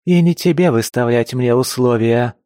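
A man's voice: mid-range voice, moderate pace, dark tone, no room sound, clean studio sound, natural voice. A man voicing a vengeful female beast-woman assassin who growls her threats in an audiobook. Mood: menacing. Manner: growling, menacing.

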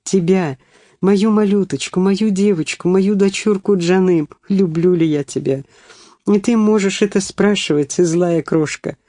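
A reader doing a loving, gentle father. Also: mid-range voice, unhurried, dry recording, studio quality, natural voice. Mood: fond. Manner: affectionate, softly teasing.

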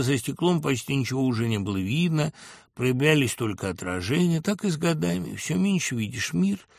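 A man reading a novel aloud in an expressive, lively storytelling manner. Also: medium pitch, gravelly, dry recording, studio quality. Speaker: reader of a novel.

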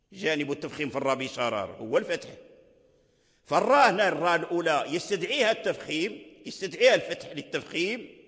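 A man teaching rules of Quranic recitation, explaining slowly and repeating example words. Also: fairly high pitch, fairly bright tone. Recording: long hall reverb.

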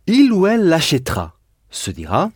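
A man's voice: on the high side, huge pitch swings, normal speed, slightly rough, no echo, clean studio sound. A man teaching a recorded language lesson, patiently explaining and stressing word endings as he goes. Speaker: Spanish teacher.

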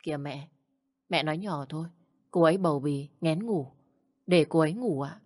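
A woman voicing a mild young husband who pleads quietly. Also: sits low, brisk, dry recording, clean studio sound. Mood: pleading. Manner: subdued, pleading. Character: young husband, grad student, mild and conflict-avoiding.

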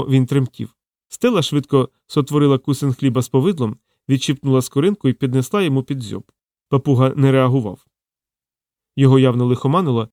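A man's voice: mid-range voice, mellow, no room sound. Man reading an audiobook, dry sound. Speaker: narrator. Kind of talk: audiobook narration.

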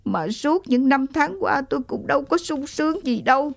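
A woman's voice: fairly high pitch, unhurried, darkish tone, pitched above the performer's own voice. A woman reading an audiobook story, voicing a grieving old grandmother who pleads through tears. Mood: reproachful.

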